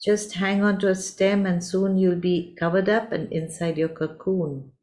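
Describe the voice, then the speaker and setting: A woman voicing a kind, wise butterfly in a storybook tale, speaking in a gentle, soothing, patient way. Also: mid-range voice, steady tone, a little slow, voice pushed up, lightly acted.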